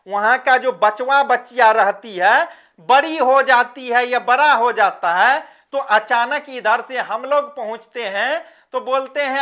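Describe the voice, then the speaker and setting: A woman teacher, giving a grammar lesson and acting out her example sentences in a drawn-out voice. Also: fairly high pitch, a bit bright.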